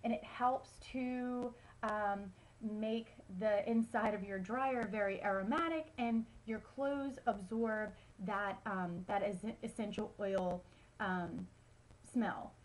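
A woman in her thirties, a home wellness vlogger, offers casual how-to tips to her webcam from a small room at home, chatty and full of ums and likes. Her voice is medium-pitched and slow, picked up by the close webcam in a rough recording.

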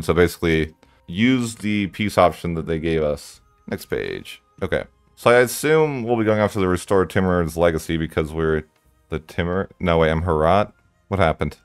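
A man's voice: low-pitched, dry recording. A man giving casual, rambling commentary while playing a strategy game, thinking aloud candidly into a close microphone.

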